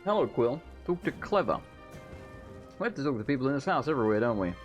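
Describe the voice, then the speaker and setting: A man's voice: mid-range voice, sing-song, quick pace, muffled recording, faint music behind. A man doing casual let's play commentary in a joking, irreverent way, with muttered asides.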